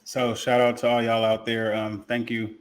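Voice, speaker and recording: A man guest talking casually and slangily about his background, laid-back and even. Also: mid-range voice, moderate pace, slight background noise. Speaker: guest, crypto consultant. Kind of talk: casual interview chat.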